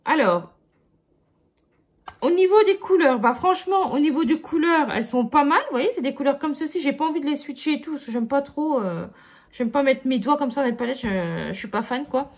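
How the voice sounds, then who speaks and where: A middle-aged woman beauty vlogger rattles through a haul review in a brisk, high-sitting voice with lively intonation. She keeps it casual and chatty, peppering her talk with fillers like "euh" and "franchement" and tossing asides to her viewers.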